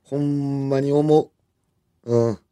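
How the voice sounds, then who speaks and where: A man with a Kansai accent, telling stories in relaxed casual chat as a radio show co-host. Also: mid-range voice, slow pace, smooth.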